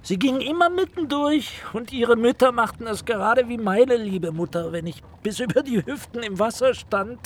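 A man's voice: extremely high pitch, expressive, moderate pace, few pauses, slight background noise. A man playing a pompous storytelling writer. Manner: ornate storytelling, theatrical. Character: pompous male writer recalling his boyhood. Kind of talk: radio play acting.

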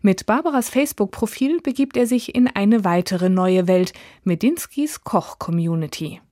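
A woman presenting an audiobook in calm, measured scripted narration. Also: medium pitch, dry recording, studio quality.

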